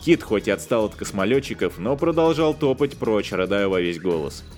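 A man's voice: on the low side, lively intonation, moderate pace, a little mellow, faint music behind. A man narrating an audiobook with wry, scripted storytelling.

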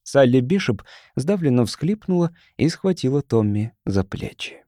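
A man giving an expressive, dramatic audiobook narration. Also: mid-range voice, a little slow, no echo, studio quality.

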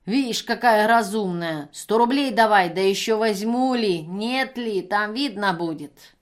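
A woman reader voicing a brazen drunk vagrant woman who shouts shrilly and wails. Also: medium pitch, normal speed, close to an everyday voice. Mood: shrill demanding.

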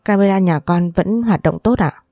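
A woman's voice: medium pitch, normal speed, dark tone, no echo, close to an everyday voice. A woman reading the part of a polite young daughter-in-law in an audiobook.

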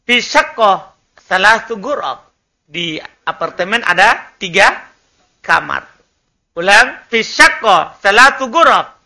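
High, bright-voiced man teaching slowly. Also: sing-song. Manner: drills students, repeats and corrects pronunciation. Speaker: Arabic teacher. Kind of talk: classroom language lesson.

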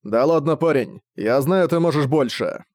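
A relaxed male priest mentor in a storybook reading, unhurried and lightly mocking, as a man reads him in his own mellow voice. The sound is close and dry. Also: fairly high pitch, no echo, close to an everyday voice. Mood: teasing. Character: carefree male priest mentor, teasing and calm.

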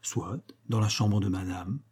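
A man's voice: fairly low pitch, fairly even intonation, measured pace, a little mellow, husky. A man reading as a cool-headed young maid. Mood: assured. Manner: politely deferential, matter-of-fact. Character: young female maid, calm and scheming.

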